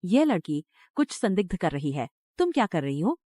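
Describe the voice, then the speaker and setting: Cast a cruel middle-aged village mother-in-law, harsh and threatening, lively pitch. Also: moderate pace, dry recording, clean studio sound. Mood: menacing. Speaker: dubbing actor. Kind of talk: Hindi drama dub.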